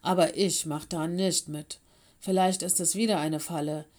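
A woman's voice: on the low side, fairly even intonation, moderate pace, a little mellow, lightly acted. A woman reading an audiobook, voicing a sulky, stubborn young female animal pupil. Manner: sulky, dismissive. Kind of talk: audiobook character voice.

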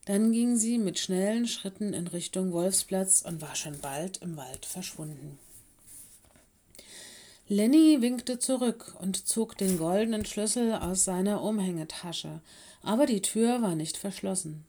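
A woman narrating a children's story in calm, clear storytelling. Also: medium pitch, a little slow. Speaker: audiobook reader.

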